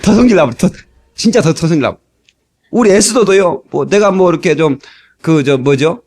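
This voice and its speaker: A middle-aged pastor preaching from the pulpit, his fairly high voice rising and falling widely as he tells stories. He slips into the voices of the people he quotes. The sound comes from an old cassette tape transferred to digital. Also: a little fast. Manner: animated, acts out quoted people. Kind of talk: storytelling sermon.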